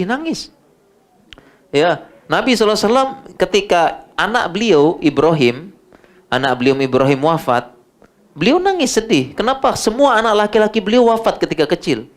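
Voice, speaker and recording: Animated Indonesian man lecturing. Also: on the high side. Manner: animated, repeats words for emphasis. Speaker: Islamic lecturer answering audience questions. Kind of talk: informal religious lecture with Q&A.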